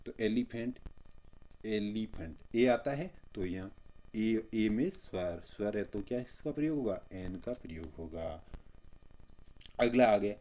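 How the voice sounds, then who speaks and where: A man's voice: fairly low pitch, mellow. A male teacher giving an exam-prep grammar lesson, drilling points with repeated questions he answers himself.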